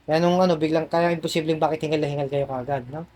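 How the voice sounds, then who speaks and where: A man's voice: on the high side, fairly even intonation, quick pace, a little mellow. A man working as a spiritual healer, coaxing and reassuring his patients indoors and repeating himself as he explains. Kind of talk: explaining to patients during a healing session.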